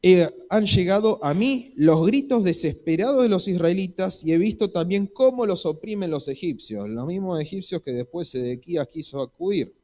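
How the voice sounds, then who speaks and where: A man's voice: high voice, animated, moderate pace, few pauses, a little mellow. A man with an Argentine Spanish accent preaching a sermon in a church, acting out Bible dialogue in voices.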